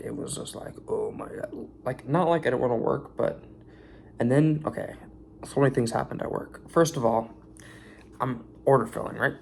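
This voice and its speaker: A man's voice: medium pitch, gravelly, slight background noise. A tired young man venting in a casual vlog rant about his warehouse shift, rambling and swearing.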